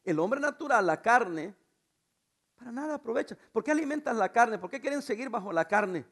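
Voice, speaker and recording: High-voiced preaching pastor, a man. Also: normal speed. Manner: animated preaching with rhetorical questions and humor. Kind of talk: sermon.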